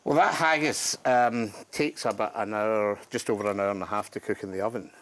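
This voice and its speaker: Brief: low-voiced chef, easygoing, halting, dry jokes. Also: male voice. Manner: relaxed, hesitant, dry humour. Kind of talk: TV cooking demo.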